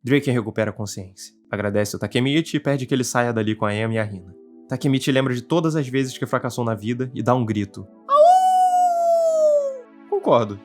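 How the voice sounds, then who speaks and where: Speaking fast in a mid-range voice, this Brazilian guest co-host reads a scripted recap, his Brazilian Portuguese accent clear and his delivery sarcastic and swooping. Faint music sits in the background.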